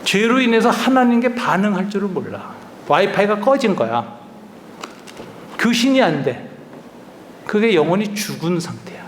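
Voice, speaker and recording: An older man, a pastor, preaching a lively, colloquial retreat sermon, acting out dialogue and chuckling often. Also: high voice, normal speed, long pauses, slight background noise. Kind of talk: retreat sermon, storytelling with acted quotes. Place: church hall. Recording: roomy hall reverb, faint ambience.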